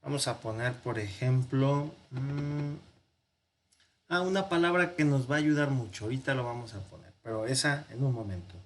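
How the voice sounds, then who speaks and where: A man with a Mexican Spanish accent teaching a language lesson, slow and patient, thinking aloud with pauses. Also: medium pitch, a little hiss or hum. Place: parish classroom or home office.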